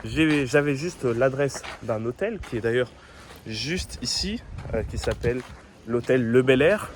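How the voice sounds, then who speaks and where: A man's voice: mid-range voice, slight background noise. A young man talking to the camera as he walks a seaside town, chatty and upbeat as he tells his travel story. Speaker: travel vlogger. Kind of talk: casual travel vlog narration to camera. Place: outdoors on a seaside town street.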